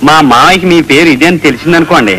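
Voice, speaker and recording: An actor playing a fast-talking, scheming man in a comic film scene. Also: on the high side, pushed and bright, poor audio.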